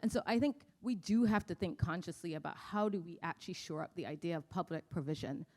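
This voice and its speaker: A woman's voice: lowish voice, fast talker, a little mellow. A woman from Barbados speaking as a panelist, thoughtful and earnest, with frequent fillers. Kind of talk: panel discussion.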